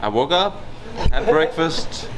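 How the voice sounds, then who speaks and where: A man's voice: a little high, sing-song, takes it slowly. A man from Denmark recounting his day in a wry, matter-of-fact way. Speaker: fellow triathlete. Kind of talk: casual storytelling. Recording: crowd noise behind.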